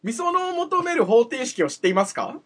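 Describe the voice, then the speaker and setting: A man with a high voice co-hosts a comedy duo podcast in casual banter. His pitch swoops all over as he teases his partner and reads quiz questions slowly and deliberately, breaking into laughter often. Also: very animated, fairly bright tone. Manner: teasing, bursts into laughter, slow deliberate quiz reading.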